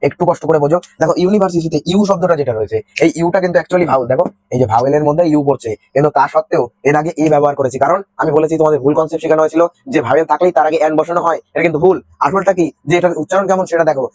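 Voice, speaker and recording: Fast-talking young male teacher. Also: on the high side, a little mellow. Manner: explains step by step, repeats words, asks and answers his own questions. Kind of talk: classroom grammar lesson.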